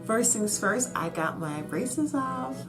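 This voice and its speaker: A woman with a slight lisp from wearing a retainer, hosting a reaction video in excited, casual chat. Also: fairly high pitch, slow, music in the background. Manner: excited, animated. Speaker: host of an anime reaction channel.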